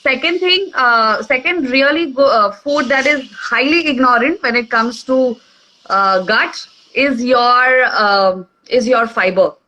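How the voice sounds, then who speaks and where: A woman's voice: on the high side, takes it slowly, sharp tone, dull audio, a little hiss or hum. A woman with an Indian English accent explaining simply over a video call, often checking in with "okay". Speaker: nutrition expert guest. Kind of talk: casual online talk.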